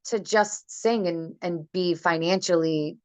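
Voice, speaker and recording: A woman's voice: lowish voice, takes it slowly, a little mellow, no echo. A woman singer talking casually and chattily in a remote interview, heard over a conference call whose audio breaks up. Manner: chatty, loose, many fillers. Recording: dull lo-fi call audio, dry.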